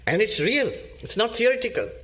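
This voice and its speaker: A man giving a spiritual discourse as a monk, teaching slowly and emphatically with pauses and repetition. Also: sits high, very animated, a bit bright.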